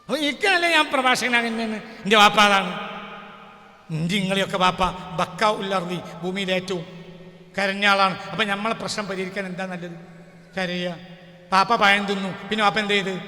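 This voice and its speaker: A man's voice: high-pitched, bright, forceful tone. A man preaching a sermon, often dropping to a dramatic whisper. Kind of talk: Islamic sermon with Quran recitation. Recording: reverberant hall, faint music.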